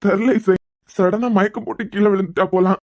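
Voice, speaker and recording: A woman's voice: medium pitch, fairly even intonation, fairly quick, a little mellow, lo-fi sound, faint music behind, natural voice. A woman voicing a worried young man in a cartoon series, pleading and tender, with a Kanyakumari Tamil accent. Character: anxious young man tending a fainted girl. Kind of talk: cartoon web series voice acting.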